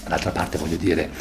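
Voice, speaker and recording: Lively-voiced male philosophy lecturer. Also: low voice, background noise. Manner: digressive, peppers talk with questioning "eh?"; swings between murmured asides and loud emphatic reading. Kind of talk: philosophy lecture with reading aloud.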